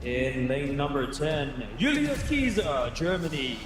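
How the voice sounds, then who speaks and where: A man announcing athletes at a live sports event in a booming, pumped delivery with drawn-out name calls. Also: animated. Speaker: arena announcer introducing athletes. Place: large competition venue over PA. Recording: echoey arena PA, music behind.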